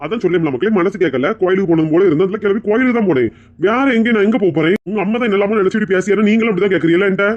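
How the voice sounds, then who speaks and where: Woman playing a stubborn dad, fast talker, kinda dull lo-fi sound. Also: medium pitch, a little mellow, lightly acted. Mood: defensive. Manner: defensive, quick retorts. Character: stubborn middle-aged father caught out. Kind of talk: comedy skit acting.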